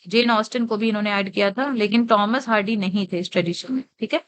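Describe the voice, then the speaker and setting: Clear-voiced Indian woman teaching. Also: medium pitch. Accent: Indian English. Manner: explains step by step, reads English questions slowly. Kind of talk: exam answer walkthrough lecture.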